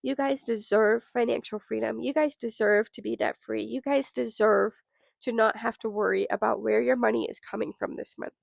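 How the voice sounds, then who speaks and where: A young adult woman hosting a solo podcast, sounding nasal from a cold, giving listeners an upbeat, direct pitch. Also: fairly even intonation, moderate pace, creaky, no room sound. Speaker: podcast host.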